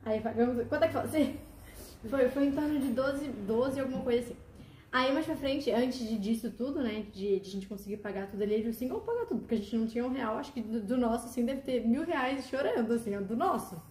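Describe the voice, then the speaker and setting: Fast-talking high-voiced woman, roomy sound. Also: slight background noise. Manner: animated, emotional retelling with quoted dialogue. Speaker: guest telling her testimony. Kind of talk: casual storytelling.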